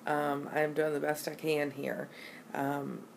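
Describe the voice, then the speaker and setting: A woman giving a casual, halting personal account, gassy while recovering a day after surgery. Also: sits low, flat delivery, creaky. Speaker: patient vlogger. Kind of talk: casual personal vlog, recounting an experience. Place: hotel room. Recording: noticeable background room noise.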